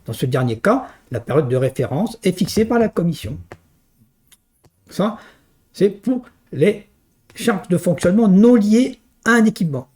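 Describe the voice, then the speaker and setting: The lecturer here is a man with a high-pitched, mellow voice and lively intonation, speaking a little slowly with long pauses. Teaching a technical finance course at university, he is didactic and emphatic, often adding tag questions to his points.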